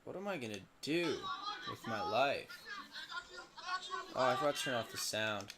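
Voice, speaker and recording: A hoarse, tired teenage boy commenting on a simulated lacrosse league late at night, rambling and mumbling with self-pity between plays. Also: mid-range voice, expressive, moderate pace, background noise. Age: teens.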